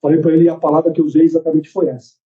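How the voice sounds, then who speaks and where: A man's voice: a little high, little pitch movement, rapid-fire, warm tone, highs cut off. A man testifying in a courtroom, telling his story in a rambling way and acting out the dialogue he quotes. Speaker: testifying in a jury trial.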